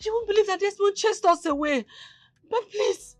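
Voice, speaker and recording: A woman's voice: extremely high pitch, moderate pace, dry recording. A woman playing a distraught young friend in a film drama, breathless, panting and pleading urgently. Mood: frantic pleading.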